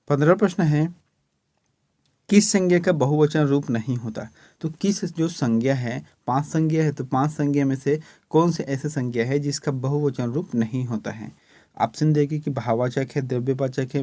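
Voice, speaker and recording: A man's voice: fairly high pitch, darkish tone, dry recording. A male teacher from Chhattisgarh, India, walking through exam questions step by step and often checking in with "okay". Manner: explains step by step, repeating "ठीक है". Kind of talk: exam-prep lesson.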